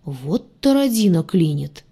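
A woman's voice: lowish voice, sing-song, a little slow, warm tone, husky, exaggerated voice. A woman voicing a grumbling, exasperated male demon crewman in an audiobook.

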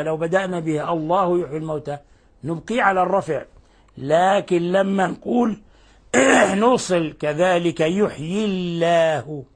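An older man teaching Quran recitation rules, explaining patiently and reciting verse examples slowly and drawn out. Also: fairly high pitch. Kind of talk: tajweed lesson with recited examples.

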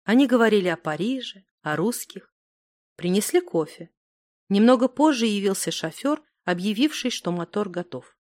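A woman narrating a story in a calm, measured reading voice. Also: medium pitch, no room sound. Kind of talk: audiobook narration.

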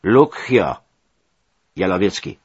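A man's voice: deep voice, very animated, slow pace, slightly rough, voice pushed up, exaggerated voice. A man voicing a furious American commodore, threatening and barking out English phrases, in a dull lo-fi recording. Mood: commanding.

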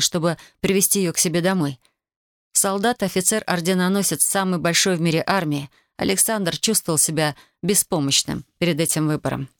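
Steady audiobook narrator, dry close sound. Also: mid-range voice, clear, resonant tone, no room sound. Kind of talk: scripted narration.

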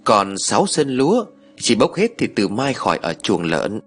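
A man's voice: lowish voice, huge pitch swings, normal speed, fairly bright tone, husky, soft background music, full character voice. A man doing a cold stern older matriarch. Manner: cold, curt. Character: cold older senior wife, curt and stern.

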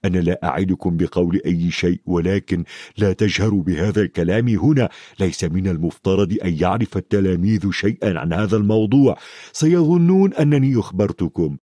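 A large, gruff half-giant groundskeeper speaks low and evasive, keeping his voice down, put on by a male reader. The pitch is deep and quiet. The recording is dry and close, with no room sound. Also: brisk, dry recording. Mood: hushed, wary.

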